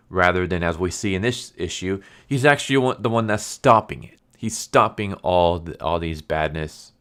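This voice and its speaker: Male reviewer, very low voice, non-native English speaker, R's come out as W's, stumbles over words, casual rambling delivery. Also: a bit bright, clear, resonant tone. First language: a language other than English. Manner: says w for r, slows down on r sounds. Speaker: comic book reviewer.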